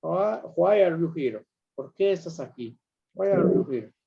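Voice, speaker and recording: A man's voice: a little high, expressive, unhurried, gravelly, slightly rough, muffled recording. A man teaching a class, patiently explaining grammar and repeating examples while checking that students follow. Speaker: English teacher.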